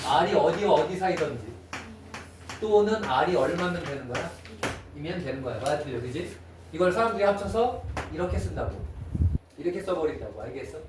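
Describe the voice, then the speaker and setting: Male math teacher, high voice, classroom lecture, echoey room, mic set far off. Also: background noise. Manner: asks students constant check-in questions.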